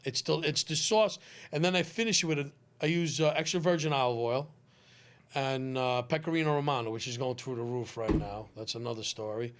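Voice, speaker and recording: A man's voice: medium pitch, steady tone, brisk, a little hiss or hum. A middle-aged man with a Brooklyn accent, talking casually on a podcast in a brash, emphatic way and swearing freely. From Brooklyn, New York. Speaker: podcast guest, pizzeria owner.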